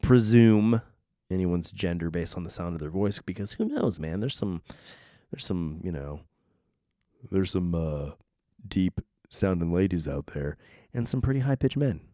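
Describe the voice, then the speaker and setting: A man with a laid-back Southern Californian accent talks through a casual podcast monologue, wry and rambling, circling back over his own phrases. His voice sits on the low side. The sound is dry and close, with no room around it. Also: animated, measured pace, dark tone, dry recording. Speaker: podcast host.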